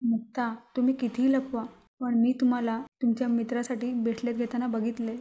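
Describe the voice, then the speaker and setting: A woman reading the lines of a quiet, reserved husband in a plain, low-key way. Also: flat delivery, a little fast, close to an everyday voice. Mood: earnest.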